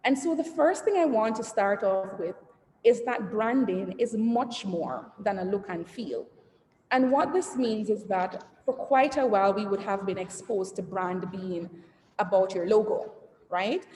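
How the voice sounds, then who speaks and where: In an echoing room with long reverb and faint noise, a woman CEO runs an interactive online branding session for entrepreneurs. Her middle-pitched voice is unhurried and somewhat dark. She keeps things conversational, asking the audience questions, reading the chat aloud, and trailing lists off with "et cetera."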